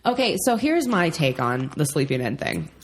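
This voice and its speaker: Chatty woman in her thirties, lowish voice. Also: big pitch swings, moderate pace, slight background noise. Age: 30s. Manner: chatty, rambling with frequent ums. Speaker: podcast co-host. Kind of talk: casual relationship podcast chat. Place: home.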